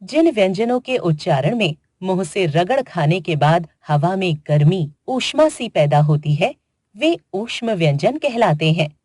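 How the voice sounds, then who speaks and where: A woman reads a children's grammar lesson at a slow, careful pace, spelling out each letter and example. Her voice is low and a little husky, with a lively rise and fall. The recording is dry and close, with no room sound. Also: no echo. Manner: slow, deliberate letter-by-letter dictation. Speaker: grammar teacher. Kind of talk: scripted educational narration for children.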